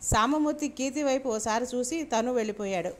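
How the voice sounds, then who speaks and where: A woman reads a serialized novel aloud, chapter by chapter. Her voice is high and her delivery steady and measured, like a storyteller at ease with her own text.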